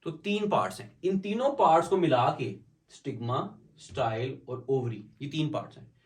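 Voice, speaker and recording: Far-off teacher in an echoey classroom. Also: male voice, medium pitch, lively intonation. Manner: explains in mixed Hindi and English, asks and answers his own questions; slows down to dictate English definitions. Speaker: biology teacher. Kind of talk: classroom lecture.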